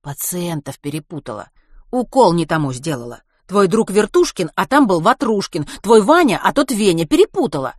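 A woman voicing a brusque, greying middle-aged male doctor who talks in a brisk, offhand way, reading an audiobook. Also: on the low side, big pitch swings, no room sound, clean studio sound. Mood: sheepish.

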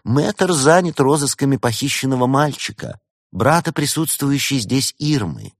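A man's voice: mid-range voice, lively intonation, measured pace, no echo, studio quality, voice pushed up. A man voicing a sly, falsely sweet female fox detective in an audiobook. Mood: honeyed. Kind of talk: audiobook character voice.

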